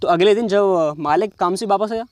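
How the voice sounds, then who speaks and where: A man's high voice, captured in a dry recording, leads an English reading lesson. Word by word, he pronounces the English slowly and explains it in Hindi, often pausing to ask "समझ रहे हो".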